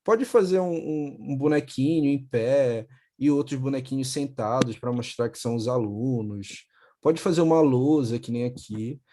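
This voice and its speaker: Young Brazilian man, patient English teacher on a video call, mellow and unhurried. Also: medium pitch. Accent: Brazilian Portuguese. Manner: patient, repeats words slowly for pronunciation. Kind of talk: online class for children.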